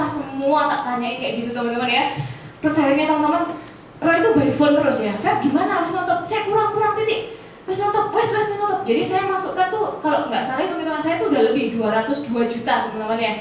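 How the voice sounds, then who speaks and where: Lively woman telling a story. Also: quick pace. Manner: lively, acts out quoted dialogue in higher voices, laughs often. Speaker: insurance agent leader sharing her story. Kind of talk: casual storytelling talk. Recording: roomy, distant mic with faint background noise.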